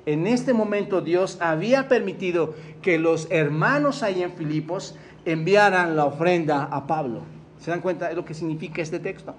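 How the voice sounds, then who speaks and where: Mexican male pastor, higher register, questioning preaching style, faint background noise. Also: normal speed. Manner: questions the congregation, repeats words for emphasis. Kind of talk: sermon.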